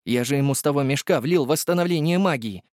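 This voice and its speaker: A man's voice: a little high, quick pace, a little mellow, no echo, clean studio sound, pitched above the performer's own voice, close to an everyday voice. A man voicing an absorbed young male potion maker explaining his findings. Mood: thoughtful. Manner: musing, expert explaining.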